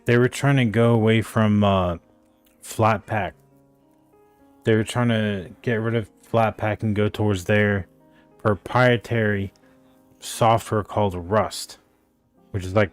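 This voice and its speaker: A man's voice: on the low side, no room sound. A man streaming a game, chatting loosely and unsure of himself, with lots of "like" and "I think" as he talks. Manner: rambling and unsure, full of "like" and "I think". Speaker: gaming streamer. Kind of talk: casual chat while gaming.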